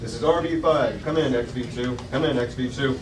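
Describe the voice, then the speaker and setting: At a restaurant dining table, a man with a mid-range, everyday-sounding voice reads the part of a polite male space station radio operator in a sci-fi table read. He speaks a little fast in a clipped, procedural, businesslike way. The recording is distant, echoey and noisy from the restaurant.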